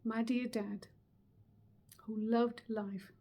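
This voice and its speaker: Middle-aged woman, motivational speaker, fairly high voice, unhurried and deliberate with emphatic pauses. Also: little pitch movement, warm tone. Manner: slow, earnest, emphatic delivery with pauses. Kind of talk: motivational webinar talk.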